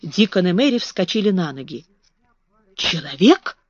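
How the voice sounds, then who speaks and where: A woman narrating a children's storybook in an expressive reading voice. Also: medium pitch, moderate pace, no echo, lo-fi sound. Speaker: audiobook reader.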